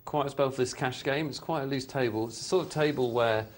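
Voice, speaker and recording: Speaking fast in a mid-range voice, a man hosts a live poker show on a studio mic, commenting on hands in a chatty, hesitant way full of fillers.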